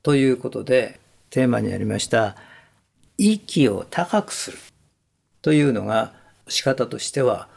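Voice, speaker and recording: A man calmly explaining breathing and what makes a good voice, step by step. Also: medium pitch, moderate pace, vocal fry. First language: Japanese. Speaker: voice expert guest.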